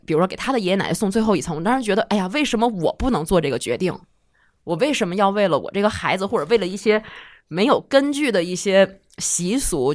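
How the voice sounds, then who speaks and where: A woman in her thirties, a guest on a talk show, telling an emotional personal story in a halting, heartfelt way. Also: mid-range voice, dry recording, studio quality. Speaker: guest listener.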